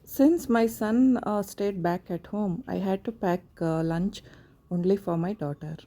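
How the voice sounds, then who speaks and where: A woman in her thirties with a South Indian accent, narrating a casual home vlog in plain everyday phrasing with hesitant pauses. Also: fairly low pitch, steady tone, dark tone. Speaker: home vlogger.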